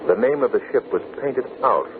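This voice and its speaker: An actor playing a composed, resolute gentleman sleuth, polite and assured, in a 1940s radio drama. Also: mid-range voice, animated, fairly quick, close to an everyday voice. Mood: puzzled, determined. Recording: noisy, tinny 1940s radio broadcast.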